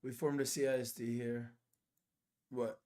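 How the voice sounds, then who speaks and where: A man's voice: mid-range voice, little pitch movement, measured pace, a little mellow. Laid-back young-sounding man streaming trades. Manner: laid-back slangy talk, lots of "like", "bro" and "yo"; explains chart setups step by step to chat. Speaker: day trader streaming live. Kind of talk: casual live-stream trading commentary.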